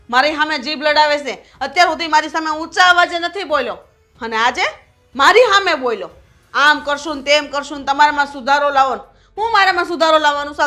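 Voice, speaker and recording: A woman's voice: high-pitched, bright, forceful tone. An actress playing a domineering, proud mother-in-law who scolds and lectures her daughter-in-law. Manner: scolding, bossy, indignant. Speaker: actor in a short film. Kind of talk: family drama acting.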